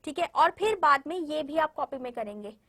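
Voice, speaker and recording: High-voiced woman teaching young children. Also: expressive, fairly bright tone. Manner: slow, patient syllable-by-syllable spelling out; encouraging, addresses children directly. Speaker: primary school Hindi teacher. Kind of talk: online class lesson for young children.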